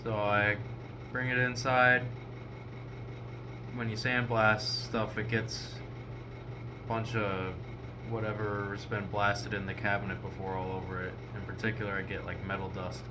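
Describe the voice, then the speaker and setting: A man's voice: on the low side, flat delivery, measured pace. A man talking casually to his viewers as a hobbyist vlogger, rambling in a hesitant, plain-spoken way. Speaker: hobbyist pipe maker and video host. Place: small unfinished workshop shed. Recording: noisy shed with mechanical hum.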